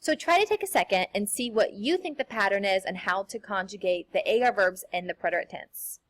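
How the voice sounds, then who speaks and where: Young woman teacher, cheerful sing-song delivery, models examples slowly for the class, mid-range voice. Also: mid-range voice, expressive, a bit bright. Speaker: Spanish teacher. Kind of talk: recorded classroom lesson.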